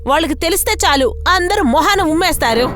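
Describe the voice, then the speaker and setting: A bitter female relative weighed by family shame in a TV crime drama. Her voice sits very high as she speaks. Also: lively intonation, fast, a bit bright, slight background noise. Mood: bitter, agitated. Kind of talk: dubbed TV crime drama acting.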